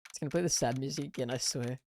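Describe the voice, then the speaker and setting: A woman's voice: rumbling low, rapid-fire, warm tone, a little hiss or hum. A woman streamer chatting casually and laid-back while playing a game. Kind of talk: casual chat while gaming.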